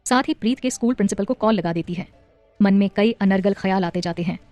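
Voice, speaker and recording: A woman's voice: medium pitch, fast talker, a little mellow, no room sound, lo-fi sound, faint music behind. Woman narrating an emotional audio story.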